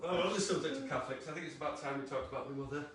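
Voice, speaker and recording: A man's voice: fairly high pitch, racing. A man performing a live stand-up set in a comedy club, sardonic and self-mocking, laughing between his lines. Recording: echoey club, distant mic, crowd noise. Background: audience laughter.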